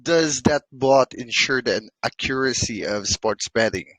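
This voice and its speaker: Slow-talking man hosting an interview. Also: mid-range voice, a bit bright, dry recording, rough recording. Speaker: AMA host. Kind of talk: interview questions.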